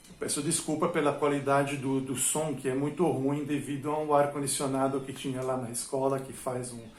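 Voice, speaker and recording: A man's voice: medium pitch, little pitch movement, fairly quick, a little hiss or hum. Methodical man explaining, roomy sound. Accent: São Paulo interior, retroflex R. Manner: explains methodically with frequent filler "é". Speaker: music education researcher. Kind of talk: explanatory lecture.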